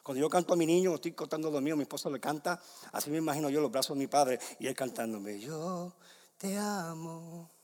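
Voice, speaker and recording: A young adult man preaching a sermon, moving between loud emphatic declarations and soft hushed passages. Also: on the high side, racing. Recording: long hall reverb.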